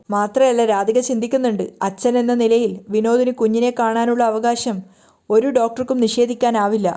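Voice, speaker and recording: A woman retells a serial episode in a steady, plain storytelling way. Her voice is somewhat high, with a mellow, warm tone. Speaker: narrator recapping a TV serial. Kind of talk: storytelling recap.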